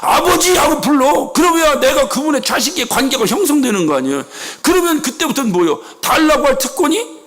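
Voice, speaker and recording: High-pitched, lively Korean pastor preaching. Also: male voice, fairly quick. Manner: emphatic preaching with rhetorical questions and acted quotes. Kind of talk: sermon. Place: church sanctuary.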